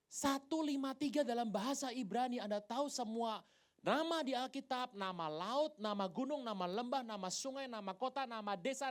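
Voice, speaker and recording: An Indonesian-accented woman preaches in a big church hall, her voice swinging widely up and down. She acts out little scenes, dropping to a whisper and then bursting out loud. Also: high voice. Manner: animated storytelling, quick voice changes, whispers and shouts. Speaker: pastor. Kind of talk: lively sermon with acted-out Bible scenes.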